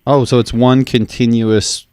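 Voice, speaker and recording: A man's voice: mid-range voice, flat delivery, a little slow, a little mellow, clear, resonant tone, dry recording, clean studio sound. Eager rambling male podcast host. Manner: enthusiastic, rambling, with frequent restarts. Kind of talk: casual interview talk.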